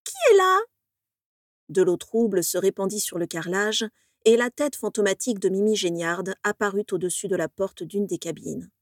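A woman narrating a fan fiction story in a steady, even storytelling voice. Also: mid-range voice, fairly quick, no echo, studio quality. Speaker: reader.

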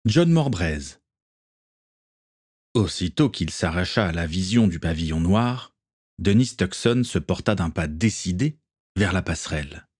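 A man with a low voice reads a story aloud. His narration is steady and measured, with clear sentence flow. It sounds like an audiobook.

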